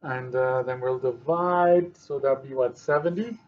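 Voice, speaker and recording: A man's voice: medium pitch, highs cut off. Man teaching a math lesson, thinking aloud. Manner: thinking aloud, slow and halting while working problems; dry, sarcastic asides.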